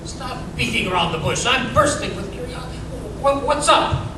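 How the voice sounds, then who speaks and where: A man's voice: very high-pitched, lively intonation, normal speed. A man playing a genial, curious doctor and storyteller in old-time radio style, hesitant and blustering, often repeating himself. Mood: curious, eager. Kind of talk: 1930s radio drama acting. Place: museum live performance space. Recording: echoey room, distant mic, clear background noise.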